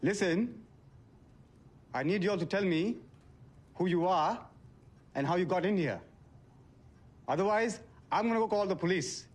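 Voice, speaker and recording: An insistent young delivery man, played by a man with a British accent, stubborn and exasperated. He pushes his point and will not give ground, at a middle pitch. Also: normal speed, long pauses, lightly acted.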